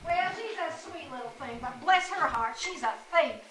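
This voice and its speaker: A brassy, wisecracking housewife holds court in a high, bright voice, as a woman plays her on stage. The sound is roomy and distant, caught from far back in a small theater over loud hiss. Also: lively intonation, normal speed, a crowd in the background. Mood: gossiping. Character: brash gossipy Texas housewife, mother of unruly kids. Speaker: stage actor. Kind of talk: live stage play.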